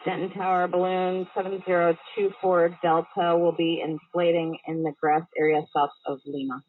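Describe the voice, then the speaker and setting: A woman with a lowish voice plays a balloon pilot, giving short, by-the-book aviation calls over the radio at a moderate pace and with flat delivery. The audio is thin and phone-like from band-limiting, with no echo.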